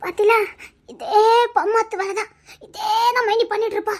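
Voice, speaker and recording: Woman playing a grumbling, tearful woman with a very high voice. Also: fairly even intonation, normal speed. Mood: aggrieved. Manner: complaining, tearful, running on. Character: grumbling woman complaining about her household to a sister-in-law. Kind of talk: web series drama acting.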